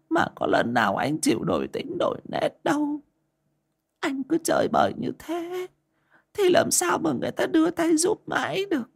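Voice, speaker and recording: A man voicing a frail old mother who stammers, begs and weeps in a high, creaky voice. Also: exaggerated voice. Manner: begging, stammering.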